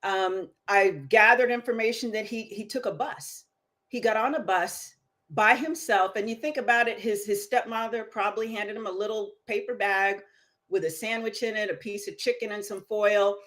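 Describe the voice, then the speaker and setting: A middle-aged woman, a guest on an interview show, telling stories with a lively voice that rises as she gets excited. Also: mid-range voice, normal speed. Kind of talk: storytelling interview.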